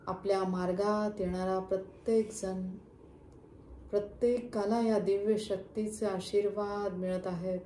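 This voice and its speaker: A woman leading a guided chakra meditation with slow, soothing instructions. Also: medium pitch, flat delivery, mellow. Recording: echoey room, faint background hum.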